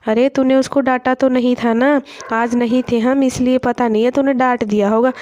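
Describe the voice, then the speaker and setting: A woman's voice: a little high, fairly even intonation, moderate pace, a little mellow, no echo, lo-fi sound, natural voice. A woman voicing an older village mother-in-law with aching knees, speaking in a scolding, complaining way.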